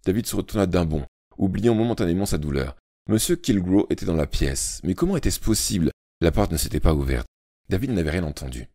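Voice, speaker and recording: A man reading an audiobook aloud with expressive, dramatic storytelling narration. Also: low-pitched, a little fast, no room sound, studio quality.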